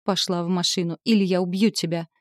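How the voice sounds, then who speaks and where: A woman's voice: on the low side, normal speed, dark tone, no room sound, studio quality, lightly acted. A woman voicing a cruel male demon knight from hell who growls his threats. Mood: menacing. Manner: growling, menacing.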